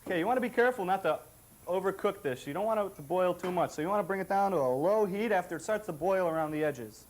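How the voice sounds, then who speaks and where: Male cooking-show co-host with a slightly high voice and a faint hiss behind him. Jokey and chatty, talking viewers through the steps. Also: expressive, fast talker. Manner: jokey, chatty, self-satisfied. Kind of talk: cooking demonstration.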